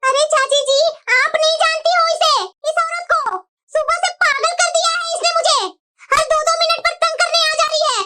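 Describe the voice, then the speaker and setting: A woman's voice: very high voice, fairly even intonation, moderate pace, sharp tone. A woman voicing an irritable young married woman in a Hindi cartoon who snaps and complains in exasperation. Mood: exasperated. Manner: snappish, exasperated.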